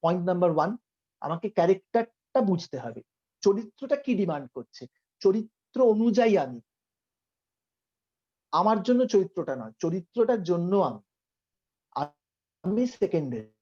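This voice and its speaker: A man's voice: high-pitched, big pitch swings, moderate pace, long pauses, dark tone, muffled recording. A middle-aged man teaching a theatre workshop, explaining acting in an earnest, emphatic way and slipping into English phrases.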